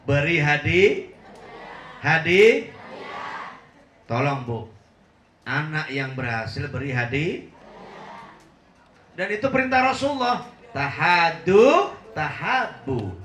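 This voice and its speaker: A man's voice: a little high, sing-song, slow, long pauses, fairly bright tone. A middle-aged man preaching a humorous sermon to a live congregation, teasing the audience and laughing often. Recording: echoey room with faint hum.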